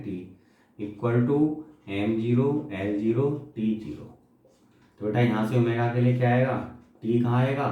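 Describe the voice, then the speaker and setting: A man's voice: medium pitch, mellow. Man teaching physics in an echoey room. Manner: calls students "beta", asks and answers own questions, mixes English. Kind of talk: classroom lecture.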